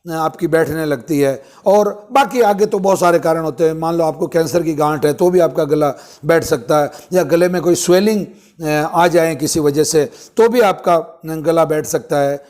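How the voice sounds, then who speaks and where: A man giving an informal Ayurvedic health talk, explaining step by step with frequent pauses and fillers. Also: fairly high pitch, darkish tone. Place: ashram.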